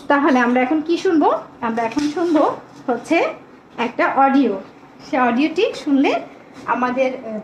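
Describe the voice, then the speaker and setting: A woman teacher with a high voice leads a live online English class. She speaks patiently, repeats her questions and stretches English words out slowly for her pupils. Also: a little hiss or hum.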